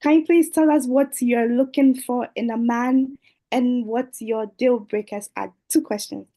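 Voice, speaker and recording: A woman's voice: a little high, steady tone, unhurried, mellow, rough recording. A woman hosting an online dating show over a video call, speaking hesitantly with many fillers. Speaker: host.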